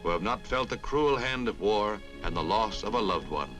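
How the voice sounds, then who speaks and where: A man's voice: on the low side, animated, moderate pace, poor audio. A man giving dramatic, declamatory 1950s newsreel narration with wry quips, heard as old newsreel sound from a film soundtrack. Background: music.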